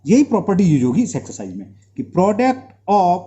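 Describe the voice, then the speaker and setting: A man's voice: sits high, wildly swooping pitch, normal speed, warm tone. A man with an Indian accent teaching a maths lesson, quizzing the class and repeating terms, with slight trouble speaking from mouth sores. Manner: asks the class rhetorical questions, drills terms by repetition.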